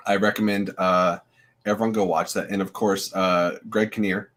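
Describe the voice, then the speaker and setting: A man with a very deep, low voice co-hosts a casual podcast. He rambles easily and loosely, dropping plenty of filler uhs as he goes. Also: little pitch movement, normal speed, a bit bright. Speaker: co-host.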